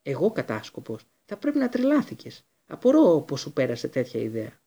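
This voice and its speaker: A man's voice: fairly high pitch, wildly swooping pitch, gravelly, mellow, slightly rough, highs cut off, full character voice. A man voicing a cowardly, frightened man who squeals and wheedles in panic. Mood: panicked.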